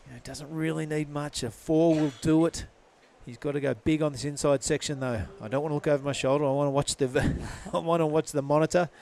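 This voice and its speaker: A man's voice: on the high side, steady tone, a little fast, hardly any pauses, a little mellow. A man giving live surf contest commentary in a laid-back, casual surfer announcer manner.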